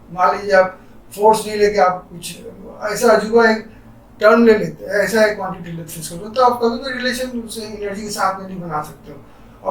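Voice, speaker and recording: A man's voice: high voice, roomy sound, far from the mic, low-quality recording. A man teaching a physics lecture, working through a problem step by step, thinking aloud and correcting himself. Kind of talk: classroom lecture.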